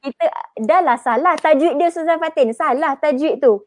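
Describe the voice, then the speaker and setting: A woman with a Malaysian Malay accent and a high voice teaches Arabic pronunciation in a live online lesson, recorded with no room sound. She is chatty and draws example words out slowly.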